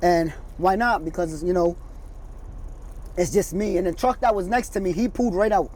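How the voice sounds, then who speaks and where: A man with a high voice and a slight slur and lisp, talking casually from his truck cab. His easygoing, slangy chatter rambles along. A faint hum of noise sits under his voice. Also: moderate pace, darkish tone, rough recording. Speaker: truck driver vlogger. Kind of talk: casual chat.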